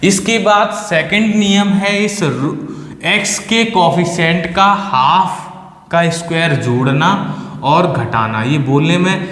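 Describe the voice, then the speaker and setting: A man's voice: on the high side, fairly bright tone. A man teaching a maths lesson, patiently explaining step by step and slipping English terms into his talk. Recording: echoey room with long reverb.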